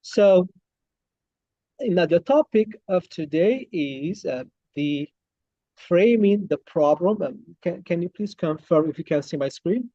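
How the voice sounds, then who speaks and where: Halting man on a lo-fi webinar call. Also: high-pitched, expressive, warm tone, no echo. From Morocco. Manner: halting, many fillers and restarts. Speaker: guest speaker. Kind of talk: webinar presentation. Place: coffee shop. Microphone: online call.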